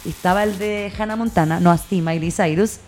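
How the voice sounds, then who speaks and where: A woman with a Chilean accent, telling backstage stories in a casual podcast chat, animated and laughing. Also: fairly low pitch, soft background music. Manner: animated storytelling, quick and laughing.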